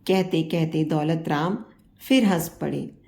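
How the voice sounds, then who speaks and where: A woman narrating an emotional family story in a gentle, deliberate scripted reading. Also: low voice, creaky.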